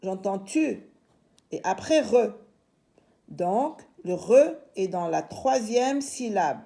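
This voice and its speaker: A woman teaching young children a reading lesson from home, sounding out syllables slowly and reassuring them patiently. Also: medium pitch, animated, warm tone. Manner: slow, clearly segmenting syllables. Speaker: primary school teacher.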